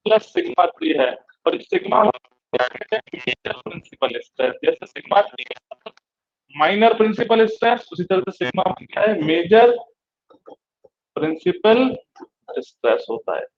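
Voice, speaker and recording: A male lecturer giving a classroom lecture, repeating key terms slowly and asking and answering his own questions. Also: high voice, sing-song. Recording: dull lo-fi recording.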